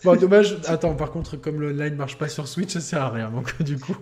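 Brief: male podcast host, relaxed joking banter, somewhat high pitch. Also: normal speed, background noise. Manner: lively, joking, laughs often. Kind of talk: casual chat.

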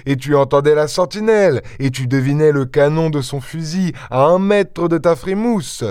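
Man voicing a cocky gentleman thief, mocking, lifts into high teasing tones, dry close sound, audiobook character. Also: moderate pace, clear, resonant tone, dry recording, close to an everyday voice. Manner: teasing and ironic, with bright high flourishes. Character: mocking, self-assured gentleman burglar, adult man.

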